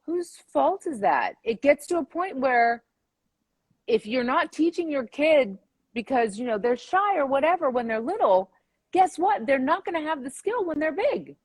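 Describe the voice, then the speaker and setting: Woman co-host, animated and blunt, fairly high breathy voice, dry close sound. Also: moderate pace, dry recording. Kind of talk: casual chat.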